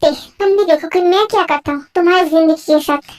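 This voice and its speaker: A woman's voice: extremely high pitch, fast. A woman voicing a jealous, possessive young male professor in a fan-made audio drama. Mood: angry. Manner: scolding, sharp. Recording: faint music behind.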